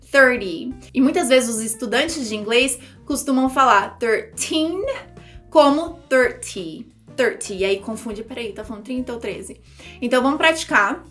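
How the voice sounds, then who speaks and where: A young woman teaching English numbers, explaining in a lively way and repeating example words. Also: high voice. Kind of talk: language lesson for Portuguese speakers.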